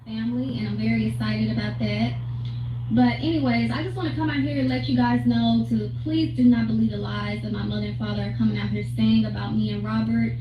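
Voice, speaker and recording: A woman's voice: a little high, steady tone, fairly quick. A woman in her twenties making a personal video statement, speaking hesitantly with frequent ums. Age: 20s. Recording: dull, echoey clip with clear noise.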